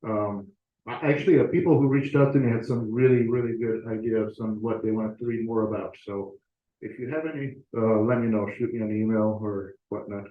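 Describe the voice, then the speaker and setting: A man with a low-leaning, steady voice speaks fairly quickly as a guest author presenting to a club before a live audience. The talk is informal, conversational and lightly self-deprecating, recorded in an echoey meeting room with slightly muffled audio.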